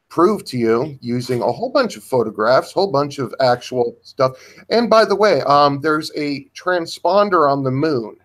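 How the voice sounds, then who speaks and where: Slow, halting man in a discussion. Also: mid-range voice. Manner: slow and halting, pausing to search for words. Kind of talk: livestream discussion.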